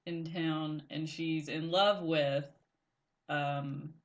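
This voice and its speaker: A woman's voice: sits low, steady tone, extremely slow, lo-fi sound. A woman co-hosting a podcast, chatting casually and rambling through a recap with lots of fillers and giggles. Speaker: podcast co-host. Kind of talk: casual chat.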